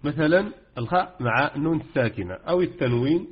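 Husky Moroccan man teaching recitation rules. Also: a little high, lively intonation, quick pace, lo-fi sound. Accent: Moroccan Arabic. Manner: hesitant, many fillers and repetitions. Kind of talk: informal rules lesson with students.

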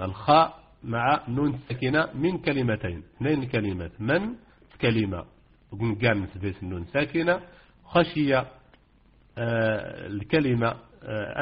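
A man's voice: mid-range voice, slightly rough, muffled recording. A man with a Moroccan accent teaching Quran recitation rules to students, hesitant with many fillers and repetitions. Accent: Moroccan Arabic. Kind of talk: informal rules lesson with students.

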